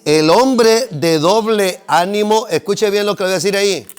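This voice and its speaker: A man's voice: high-pitched, moderate pace, smooth. A man teaching a seminary preaching workshop, joking with the class and asking them questions. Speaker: homiletics teacher.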